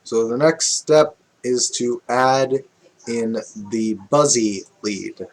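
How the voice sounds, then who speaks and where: A man talks at an unhurried pace through a relaxed music tutorial, stopping to think and correct himself as he goes. His pitch sits in an ordinary middle range, and bits of music play behind him. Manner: relaxed, thinking aloud with fillers and self-corrections. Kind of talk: casual screen-recorded music tutorial.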